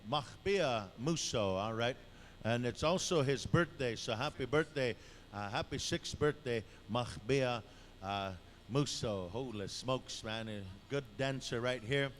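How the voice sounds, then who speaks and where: A man working as a powwow emcee, announcing live in an informal, halting way and drawing out the names he calls. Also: mid-range voice, fairly bright tone. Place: powwow dance arena. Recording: noisy live event PA announcement. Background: clear event noise and ambience.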